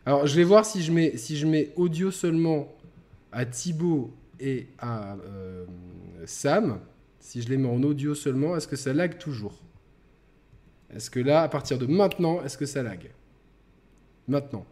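A man's voice: a little slow, a little mellow. A man hosting a casual gaming chat show, joking around and repeating himself as he restarts sentences. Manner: joking, mock-reads a sarcastic pitch. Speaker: podcast host.

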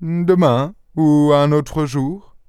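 A man's voice: fairly high pitch, fairly even intonation, very slow, mellow, no room sound, pitched above the performer's own voice. A man voicing a curt, grumbling English detective, speaking dryly in a raised voice. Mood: sec. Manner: curt, dry, gruff.

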